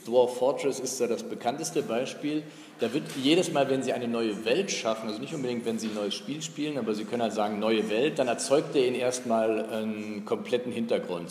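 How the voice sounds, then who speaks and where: A man giving a university lecture, relaxed and thinking aloud with many fillers. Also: fairly low pitch. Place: lecture hall. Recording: roomy echo in a lecture hall, faint room noise.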